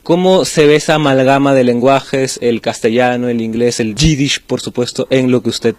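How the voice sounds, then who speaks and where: A man, hosting the show, introducing his guest and asking interview questions, filling pauses with "eh". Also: medium pitch, fairly even intonation, darkish tone, no echo. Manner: welcoming, fills pauses with "eh". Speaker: host.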